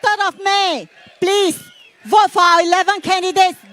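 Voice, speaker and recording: A man's voice: very high voice, steady tone, moderate pace, bright, forceful tone. A Singaporean man working as emcee, making announcements at an outdoor political rally.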